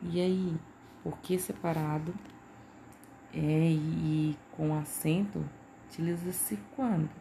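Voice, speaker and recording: A Brazilian woman teaches a recorded lesson in a low voice with a gravelly edge. She explains patiently and keeps checking in with her listeners. A faint noise sits under the recording. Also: steady tone, slow, dark tone. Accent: Brazilian Portuguese. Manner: patient, repeats points with frequent "né" and "tá".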